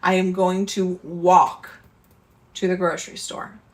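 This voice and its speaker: This lifestyle host has a lowish, fairly flat voice and an unhurried delivery. Addressing her viewers directly, she gives earnest, conversational advice to camera on coping with stress.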